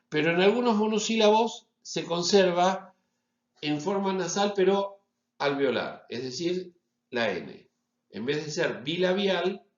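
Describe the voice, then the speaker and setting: A man giving a lecture as a teacher, deliberately stressing each example word. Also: a little high. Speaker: Latin teacher. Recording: roomy, slightly dull recording.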